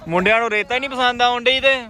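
High-pitched, hearty man bantering outdoors. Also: very fast, sharp tone, some chatter behind. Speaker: vlogger. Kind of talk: casual vlog commentary, joking banter with workers. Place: outdoors at a riverside sand-loading site with tractors.

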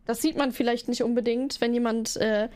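A woman's voice: a little high, fairly even intonation, fairly quick, darkish tone, clear, resonant tone. A young woman streamer chatting casually, flustered and giggly as she thanks her viewers. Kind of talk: casual live stream chat.

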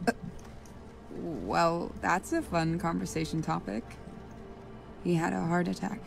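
A gravelly-voiced wife in a game. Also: female voice, fairly low pitch, fairly even intonation, a little slow, music in the background. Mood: uneasy. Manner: guarded, then frantic when arrested. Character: young wife caught up in a nightmare evening.

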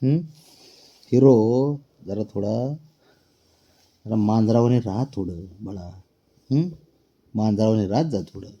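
A man's voice: on the low side, unhurried, long pauses, mellow, husky, dull audio. A man talking to his pet cat in a playful, teasing way, asking it questions and scolding it fondly. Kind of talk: casual talk to a pet, teasing.

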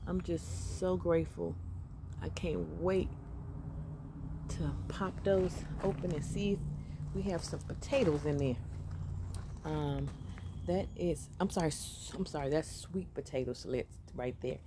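A woman giving a casual walk-through of her container garden, upbeat and grateful, chatting with pauses and fillers as she films on a phone held close. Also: sits low, background noise. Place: outdoor container garden on gravel. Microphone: phone camera held close while filming plants.

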